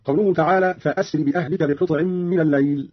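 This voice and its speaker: A man presenting a radio program, explaining variant Quran readings in a measured, didactic way and quoting the verses. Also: on the high side, fairly even intonation, slightly rough. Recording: dull old radio recording.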